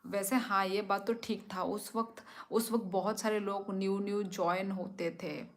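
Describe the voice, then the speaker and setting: A woman's voice: mid-range voice, fairly even intonation, moderate pace. A young woman hosting a live stream, chatting casually and teasingly with viewers as she reads their comments, laughing often. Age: young adult.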